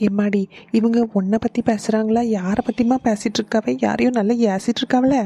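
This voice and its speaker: A woman's voice: fairly high pitch, fairly even intonation, fairly quick, creaky, mellow, no room sound. A woman voicing a kindly, fatherly middle-aged male shopkeeper in a cartoon. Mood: concerned. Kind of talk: cartoon voice acting.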